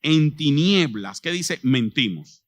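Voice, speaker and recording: A man's voice: a little high, big pitch swings, slow, no echo. A man preaching a sermon to a chapel congregation as their pastor, asking them questions as he goes. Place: chapel with a microphone. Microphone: handheld or stand microphone.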